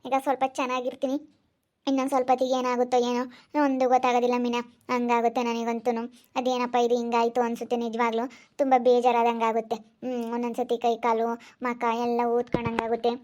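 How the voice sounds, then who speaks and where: A woman plays a worn-out, tearful village woman in an amateur village skit, speaking. Her high voice stays on a flat, narrow line as she rushes through plaintive, repeated complaints. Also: lightly acted. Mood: weary, tearful. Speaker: ailing woman Suguna.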